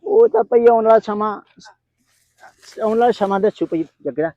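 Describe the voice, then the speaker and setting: A man's voice: sits high, huge pitch swings, moderate pace, no room sound, muffled recording, full character voice. A man playing a reluctant trader turned farmer in a rural comedy skit, complaining and repeating himself. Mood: scolding, cautionary. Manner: complaining, protesting, repeats phrases.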